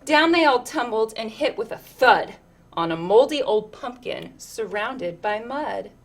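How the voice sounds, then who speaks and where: Female storyteller for children's read-aloud, slightly high register, very slow delivery, expressive and conversational with the listener. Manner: animated, engaging listeners with questions and asides. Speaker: storyteller reading a picture book to children.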